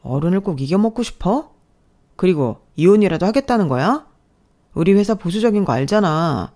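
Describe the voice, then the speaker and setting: Self-serving husband lecturing his wife, mellow low voice, read by a woman. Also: animated, moderate pace. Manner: lecturing, reproachful.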